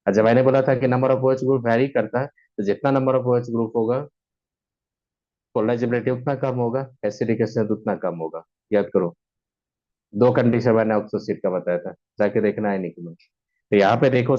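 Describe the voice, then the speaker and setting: A man gives a chemistry lecture in a mix, keeping the tone mellow and relaxed at a middle pitch. He often asks his class a question and answers it himself, going over each step again. The recording sounds dull and lo-fi. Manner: questions and answers himself, repeats steps to drill them. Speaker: chemistry teacher.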